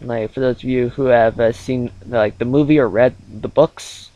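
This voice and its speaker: A man's voice: mid-range voice, fairly even intonation, moderate pace, warm tone, poor audio. A man of twenty-one chatting casually over gameplay as a gaming channel host, rambling with many fillers.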